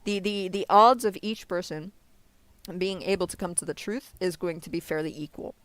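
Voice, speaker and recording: A man's voice: high-pitched, moderate pace, fairly bright tone, smooth, no room sound. A man in a street debate about faith, patiently explaining and often checking "you understand?". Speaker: religious debater.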